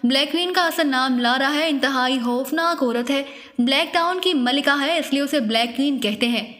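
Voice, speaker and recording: Woman voicing a captive woman spy, fearful, high voice, long hall reverb. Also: moderate pace, fairly bright tone. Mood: confessing. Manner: pleading, fearful.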